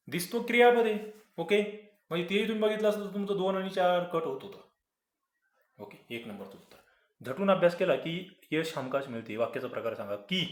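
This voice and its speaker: A man's voice: mid-range voice, a bit bright, roomy sound. A man, teaching grammar and explaining quiz answers, asking the class rhetorical questions. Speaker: exam-prep grammar teacher.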